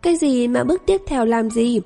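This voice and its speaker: A wary, exasperated young woman voiced by a woman reader in an audiobook. Her tone is dark and raspy with a touch of fry. A long reverb and faint music trail behind her. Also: a little high, expressive, brisk. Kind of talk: audiobook character reading.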